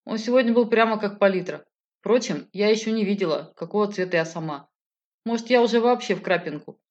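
A woman narrating a first-person novel in a lively, expressive way. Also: medium pitch, a little fast. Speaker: audiobook narrator. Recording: slightly dull lo-fi audio.

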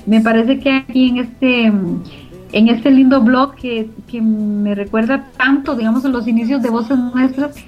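A slightly high, unhurried female voice belongs to a middle-aged Costa Rican woman with a Spanish accent who helped found a community radio organization. Being interviewed, she replies with earnest emphasis and says key phrases more than once. The sound is muffled and lo-fi, and music plays in the background.

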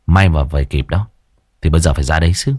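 A stern young exorcist who speaks in low, clipped orders, as a storyteller puts him on. He gives short, blunt commands with no patience. The recording is dry and close. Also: quick pace, darkish tone, slightly rough, no room sound. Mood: curt. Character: gruff young male exorcist, curt and stern.

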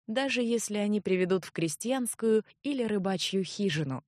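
As narrator of a fantasy audiobook, a woman delivers scripted narration with an even, measured storytelling style. She has a mid-range voice, and the sound is clean studio audio with no room sound.

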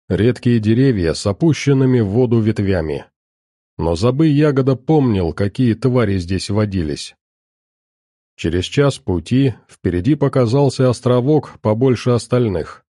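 A man giving steady scripted audiobook narration of an action story. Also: mid-range voice, no echo, clean studio sound.

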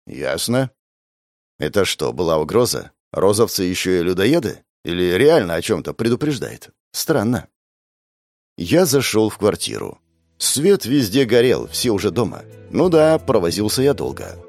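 A man narrating a first-person audiobook in an expressive, wry manner, voicing all the characters. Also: fairly low pitch, normal speed, dry recording, studio quality, faint music behind.

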